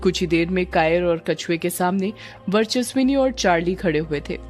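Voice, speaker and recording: A woman narrating a dramatic story in an even storytelling manner. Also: fairly low pitch, normal speed, soft background music.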